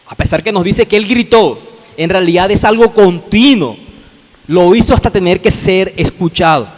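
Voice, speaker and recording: Colombian male pastor, high-pitched sermon delivery, explains and repeats for emphasis, echoing church hall. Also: moderate pace. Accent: Colombian Spanish. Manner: explanatory, addresses listeners directly, repeats phrases for emphasis. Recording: long reverb of a church hall.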